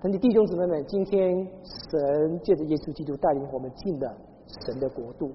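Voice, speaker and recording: A woman's voice: low-pitched, a little fast, slight background noise. A woman pastor from Taiwan preaching a sermon, telling stories and calling for answers from the congregation. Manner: lively storytelling with call-and-response to the congregation. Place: church hall. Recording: dull sound in a large echoing hall.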